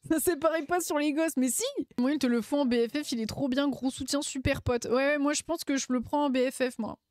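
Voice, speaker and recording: A woman's voice: sits high, steady tone, a little fast, darkish tone, no room sound. A woman streamer chatting casually and playfully, laughing often and using lots of slang. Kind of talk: casual live-stream chat.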